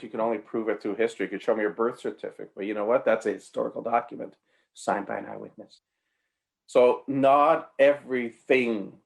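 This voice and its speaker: A man preaching an apologetics sermon in an emphatic way, his pitch leaping suddenly and his pace speeding up and slowing down. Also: vocal fry, darkish tone.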